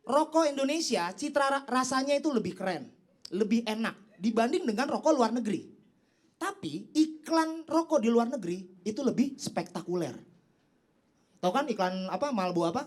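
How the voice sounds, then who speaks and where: Lively slang young man doing stand-up. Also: moderate pace. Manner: animated, teasing the crowd, big jumps in pitch for punchlines. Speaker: stand-up comedian. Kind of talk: stand-up comedy set. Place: comedy stage before a live audience. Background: audience laughter and applause.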